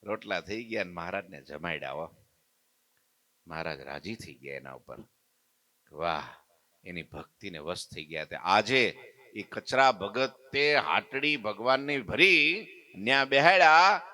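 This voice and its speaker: Bright-voiced preacher telling a story. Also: male voice, fairly low pitch, unhurried. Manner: animated storyteller, swings loud and soft, acts out quotes. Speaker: swami giving a scripture discourse. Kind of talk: devotional storytelling sermon. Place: temple hall.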